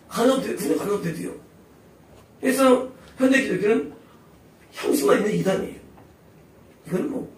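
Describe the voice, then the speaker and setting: A male pastor preaching a sermon emphatically, constantly asking the congregation rhetorical questions. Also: high voice. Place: church sanctuary. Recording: echoey hall, voice from far off.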